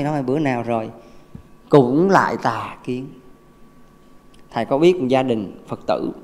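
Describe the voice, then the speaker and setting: A man, a Buddhist monk, giving a humorous dharma talk in a large temple hall, lively and joking, often asking his listeners questions. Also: a little high.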